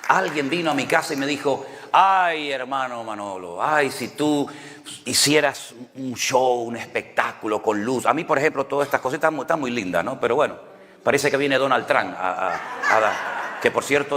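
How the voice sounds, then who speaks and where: A man's voice: mid-range voice, big-room sound. A man preaching a sermon in Canarian Spanish, telling stories in a conversational way and often asking rhetorical questions. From Canary Islands. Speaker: pastor.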